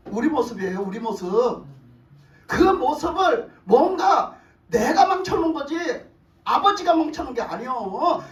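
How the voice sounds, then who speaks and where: High-pitched man preaching in a church, lots of asking the crowd questions, mic pretty far off. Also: reverberant. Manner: animated storytelling, rhetorical questions to the congregation. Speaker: pastor. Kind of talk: sermon. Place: church sanctuary.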